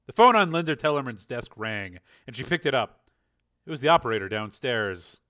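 Guy reading an action novel out loud, intense, really bright punchy voice. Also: medium pitch, sing-song, moderate pace. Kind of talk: dramatic audiobook-style narration.

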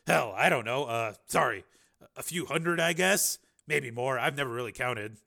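A man's voice: medium pitch, lively intonation, normal speed, vocal fry, pushed and bright, heavily acted. A man voicing a weary, blunt middle-aged cop in an audiobook reading, with hesitant, dry, self-deprecating delivery. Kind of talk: audiobook dialogue.

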